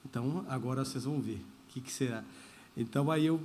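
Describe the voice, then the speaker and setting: A man's voice: medium pitch, fast, darkish tone, slight background noise. A man preaching a sermon as pastor, talking in a conversational way and slipping into Spanish phrases. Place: church service.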